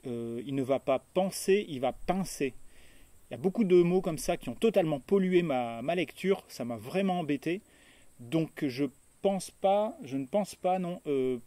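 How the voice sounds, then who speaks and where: A man's voice: fairly high pitch, dark tone, no room sound. A man chatting casually about books in a vlog, with lots of hesitations and fillers. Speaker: book vlogger. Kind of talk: casual book review vlog. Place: holiday stay in Tuscany.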